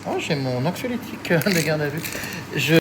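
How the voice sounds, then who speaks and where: A man's voice: on the high side, background noise. A man chatting casually to his viewers from his home kitchen in a vlog. He gets worked up easily, swears freely and vents at length. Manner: excitable, quick to vent and swear, chatty. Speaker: vlogger.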